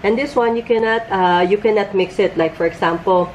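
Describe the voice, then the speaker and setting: A woman's voice: medium pitch, fairly quick, a little mellow, slight background noise, poor audio. Chatty woman reviewing while wearing a face mask. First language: not English. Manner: chatty, hesitant, restarts words. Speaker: beauty vlogger. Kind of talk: casual product review. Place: home room by a bright window.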